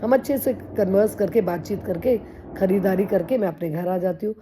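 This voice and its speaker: A woman's voice: medium pitch, normal speed, background noise. A woman talking straight to her viewers in an earnest, chatty way, mixing English phrases into her speech as she gives encouraging advice. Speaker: vlogger. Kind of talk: casual motivational talk to camera.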